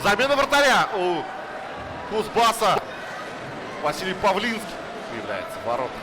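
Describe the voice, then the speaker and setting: A man commentating live on hockey as play-by-play caller, breaking into excited, exclaiming goal calls. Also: high-pitched, moderate pace, crowd noise. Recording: loud outdoor or vehicle-like background noise.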